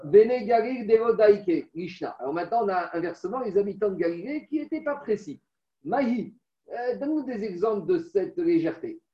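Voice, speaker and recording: A man's voice: sits high, lively intonation, normal speed, mellow. A man teaching a text study class, chanting text passages aloud and then explaining them with little stories. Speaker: religious teacher. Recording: roomy, distant, dull recording.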